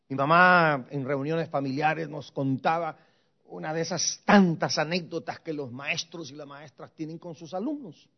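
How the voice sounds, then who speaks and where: High, lively male preacher, muffled recording. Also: vocal fry. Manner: preaching with rhetorical questions and repeated refrains. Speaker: pastor and seminary teacher. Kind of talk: sermon.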